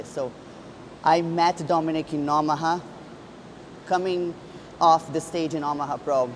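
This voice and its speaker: With a low voice and noise behind her, a woman from Brazil tells her personal story in vlog form. She's in her thirties, a bodybuilder and coach, and speaks earnestly and reflectively with many restarts.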